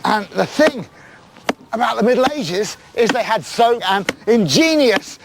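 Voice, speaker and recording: A man's voice: sits high, lively intonation, a little slow, vocal fry, noisy background. A man presenting a documentary on location, asking curious, enthusiastic questions.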